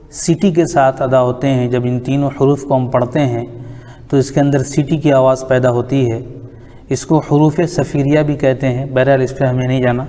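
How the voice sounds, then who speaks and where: A man teaching Quranic letter pronunciation, explaining calmly and repeating each letter slowly for practice. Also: mid-range voice, long reverb tail. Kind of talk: tajweed lesson on letter articulation.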